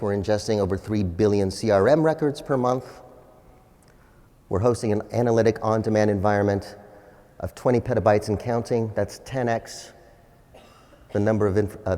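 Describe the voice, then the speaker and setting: A man delivering a corporate keynote with polished, enthusiastic executive delivery and emphatic, rhetorical pauses. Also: lowish voice, mellow. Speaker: chief executive giving a keynote. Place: large indoor hall, on stage. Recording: large hall with long reverb.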